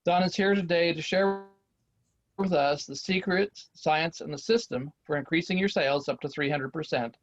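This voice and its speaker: A man haltingly reading out a rehearsed speaker introduction on a video call. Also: fairly high pitch. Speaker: workshop participant, sales trainer. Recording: dull video call audio.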